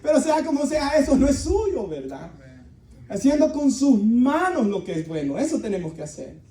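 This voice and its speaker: A man's voice: very high-pitched, sing-song, moderate pace, warm tone. A male pastor preaching earnestly to his congregation, speaking. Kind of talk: sermon. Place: church hall. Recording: echoey room, voice from far off.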